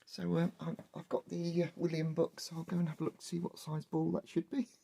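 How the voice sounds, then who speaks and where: A hobbyist with a wheezy, husky voice narrates workshop work casually. The delivery is halting and full of thinking aloud, with a gravelly creak from a sore, hoarse throat. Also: medium pitch, monotone, warm tone. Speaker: host of a hobby workshop channel.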